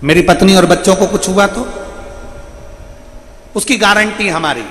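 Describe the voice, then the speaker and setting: Man playing a calm, wily guru. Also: sits high, measured pace, slight background noise, voice pushed up. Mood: persuasive. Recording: echoey hall with faint music.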